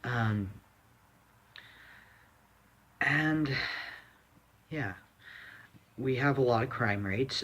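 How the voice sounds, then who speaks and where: A man's voice: on the low side, a bit bright, a little hiss or hum. A young man from the United States giving a rambling, blunt opinion monologue, full of fillers and restarts. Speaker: vlogger.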